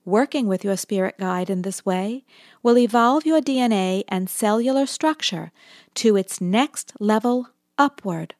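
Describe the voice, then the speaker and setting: Slow, soothing woman guiding meditation. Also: medium pitch, expressive. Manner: soft, soothing, slow delivery with long pauses. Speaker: meditation guide. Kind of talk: guided meditation narration. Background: background music.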